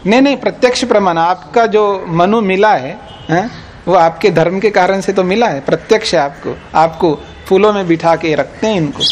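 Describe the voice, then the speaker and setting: Man teaching philosophy in an ashram hall, high voice, reads sanskrit lines then explains, slight hiss behind. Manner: recites Sanskrit slowly, then explains in Hindi; checks understanding with the class. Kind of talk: classroom lecture explaining Sanskrit sutras.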